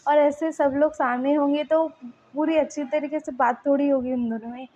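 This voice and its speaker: A woman's voice: high voice, fairly even intonation, normal speed, mellow, muffled recording. A woman narrating a fan story casually, rambling with many fillers.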